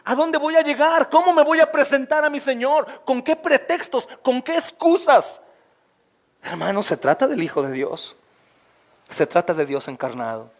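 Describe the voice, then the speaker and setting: High-voiced man preaching with passion. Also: very animated, moderate pace. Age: over 40. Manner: impassioned preaching, rising to high emphatic questions; often addresses listeners as brothers. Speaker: pastor. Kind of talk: expository sermon.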